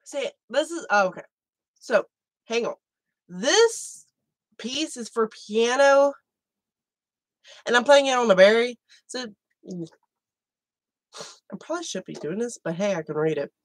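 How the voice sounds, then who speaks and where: A woman's voice: fairly high pitch, lively intonation, slow, long pauses, no echo. A woman with allergies chatting casually and self-mockingly while she plays music on a live stream. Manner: self-deprecating, swears, muttering while playing.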